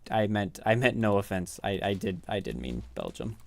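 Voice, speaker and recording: This thirty-something Midwestern American streamer rambles casually and self-deprecatingly with live viewers as he plays. His lowish, gravelly voice has big pitch swings and a moderate pace, recorded with no room sound.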